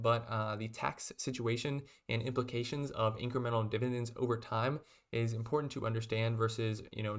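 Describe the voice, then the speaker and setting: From a small room, a young man in his twenties hosts an investing video, explaining lessons casually to his webcam in a mid-range voice. His delivery is steady, though he often uses fillers like "um" and "kind of."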